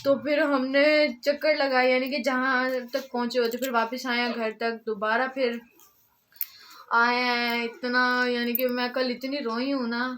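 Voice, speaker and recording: Saraiki-accent girl vlogging, high bright voice, rambly and teary-laughy. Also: little pitch movement, measured pace. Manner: rambling, emotional, half laughing half tearful. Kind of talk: casual vlog storytelling.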